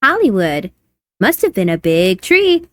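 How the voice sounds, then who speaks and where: A man's voice: high-pitched, huge pitch swings, a little slow, no room sound, clean studio sound, pitched above the performer's own voice, heavily acted. A man voicing a naive, cheerful young woman who is a fairy magician, in a storybook reading. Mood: curious. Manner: bubbly, innocent questions.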